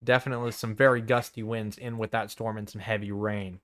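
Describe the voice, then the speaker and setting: A man's voice: fairly low pitch, level tone, a little fast. A young man, a student meteorologist, giving live severe weather coverage, listing towns and arrival times with urgent warnings and some self-corrections.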